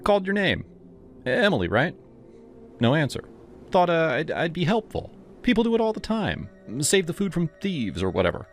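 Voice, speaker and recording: A man's voice: on the high side, big pitch swings, moderate pace, soft background music, pitched above the performer's own voice. A man doing a creepy leering delivery guy. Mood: leering, sleazy. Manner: wheezing chuckles, sleazy, drawling. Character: creepy mid-twenties male delivery driver, leering.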